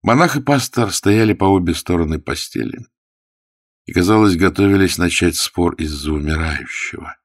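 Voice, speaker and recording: A man reading a classic novel aloud in measured storytelling. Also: low voice, no echo, studio quality. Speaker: narrator.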